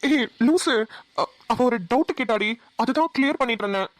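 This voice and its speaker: A woman voicing a patient young husband in a cartoon, speaking softly and apologetically. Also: fairly high pitch, lively intonation, moderate pace, natural voice. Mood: coaxing. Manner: soft, coaxing, apologetic. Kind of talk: cartoon voice acting.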